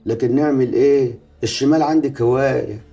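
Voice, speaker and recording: A medium-pitched, mellow, natural-sounding man's voice, fairly even in intonation and fairly quick, carries an Egyptian Arabic accent. It's an actor playing a scheming middle-aged man in a film drama who threatens the woman he once loved. He's sanctimonious and menacing, peppering his words with religious phrases.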